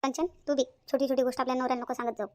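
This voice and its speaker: A woman's voice: high-pitched, flat delivery, racing, darkish tone, natural voice. A woman voicing a wise elder aunt in a family cartoon, admonishing the family. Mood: lecturing. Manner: lecturing, admonishing.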